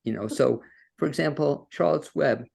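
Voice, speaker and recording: Recording from his home studio over a video call, a male podcast host interviews guests in a folksy, rambling style with fillers and restarts. His slightly high voice has vocal fry, a darkish tone and a breathy edge, at normal speed.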